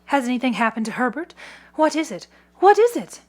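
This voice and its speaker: A woman's voice: high voice, very animated, brisk, darkish tone, pitched above the performer's own voice. A woman acting an anxious, grieving old wife in a dramatic story reading, breathless and urgent. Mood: breathless alarm. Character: old mother, anxious, grief-stricken, frantic wife.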